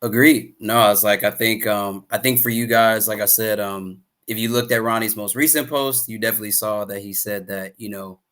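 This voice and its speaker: A man hosting a casual online show, relaxed and affirming, giving shout-outs. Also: fairly low pitch, brisk, hardly any pauses. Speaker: host.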